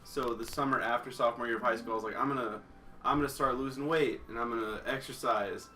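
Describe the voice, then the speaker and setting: A man's voice: medium pitch, steady tone, fast talker, bright, forceful tone. A young man in casual gaming chat who makes dry, offhand remarks. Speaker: cast member. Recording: voice distant from the mic, game music faint.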